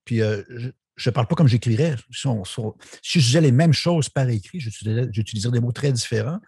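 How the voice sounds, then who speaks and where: A man with a Québécois French accent talks fast in a casual podcast interview, explaining his points patiently. His voice is gravelly and raspy, recorded dry and close. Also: mid-range voice, darkish tone, no room sound. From Quebec. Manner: explanatory, teacherly, quick. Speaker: guest, language expert.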